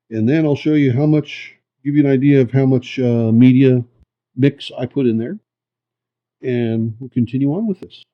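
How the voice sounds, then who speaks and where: A man giving a folksy, unhurried hands-on demonstration, thinking aloud, his voice muffled by a camera microphone. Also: fairly high pitch. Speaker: host of a rock tumbling hobby channel. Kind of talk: casual hands-on demonstration talk. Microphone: camera's built-in microphone.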